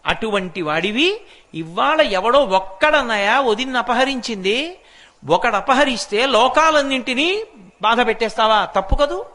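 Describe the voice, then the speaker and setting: Brief: earnest pleading younger brother, put on by a male preacher, bright and high. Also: lively intonation, measured pace, pauses often.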